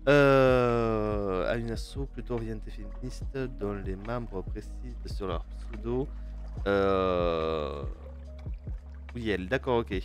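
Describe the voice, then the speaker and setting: Soft music plays behind a man with a lowish voice who speaks slowly while livestreaming a game. He hesitates a lot, restarts often, fills gaps with fillers, talks to his viewers and reads the game's text out loud.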